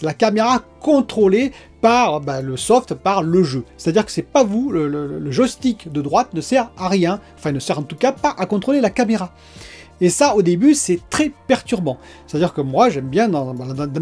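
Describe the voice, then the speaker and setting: Chatty high-voiced French-speaking man. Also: darkish tone. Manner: chatty, digressive, frequent asides and fillers. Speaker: gaming and tech vlogger. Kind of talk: casual solo review talk.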